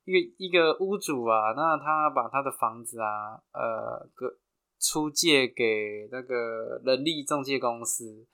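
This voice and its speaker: A man with a Taiwanese Mandarin accent hosting a podcast, telling stories in a chatty, halting way full of restarts. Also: mid-range voice, pushed and bright, clean tone. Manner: chatty, halting with frequent restarts and fillers, laughs at his own stories. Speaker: podcast host. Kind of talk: casual storytelling.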